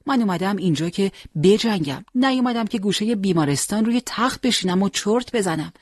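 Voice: medium pitch, lively intonation, no echo, pitched above the performer's own voice, lightly acted. A storyteller voicing a young wounded fighter, impatient and determined to leave the hospital, in a dry recording. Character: young wounded male fighter, eager and restless.

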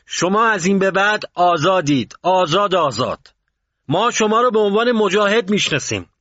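Male narrator plays a passionate male commander, loud and commanding, on a dry, muffled storybook recording. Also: mid-range voice, very animated, breathy edge, no echo, voice pushed up. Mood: shouting fervently. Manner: raised commanding voice. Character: stern male commander, passionate, shouting orders.

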